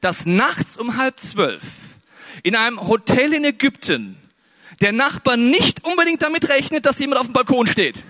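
Male pastor, high voice, animated storyteller in a sermon. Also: normal speed. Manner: lively storytelling, acts out dialogue in raised voices. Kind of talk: sermon with personal anecdote.

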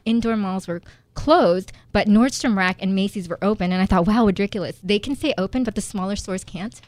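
A middle-aged woman hosting a political talk radio show, chatty and teasing and quick to laugh, in a studio. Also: mid-range voice, darkish tone, dry recording. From Filipino family.

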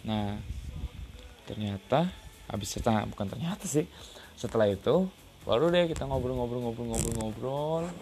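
Rambling low-voiced man telling travel stories. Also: darkish tone. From Riau, Indonesia. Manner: rambling, many fillers and restarts. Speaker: travel podcaster. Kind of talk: casual travel storytelling. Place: second-floor balcony outdoors.

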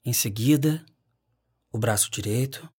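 A man leads a scripted guided meditation as an instructor. His voice is mid-pitched, with a soft husky breathiness. He gives each instruction calmly and leaves long, unhurried pauses between phrases.

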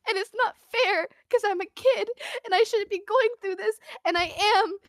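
A woman's voice: high-pitched, moderate pace, a bit bright, dry recording. A woman playing a scared, desperate teenage girl who pleads raw and swears. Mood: pleading. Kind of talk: tabletop role-play.

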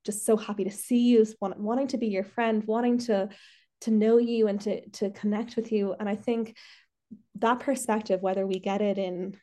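A woman's voice: mid-range voice, steady tone, normal speed, warm tone. Reflective woman podcast host. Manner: reflective, rambling with many restarts. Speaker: podcast host, trainee therapist. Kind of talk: casual podcast chat. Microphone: video call.

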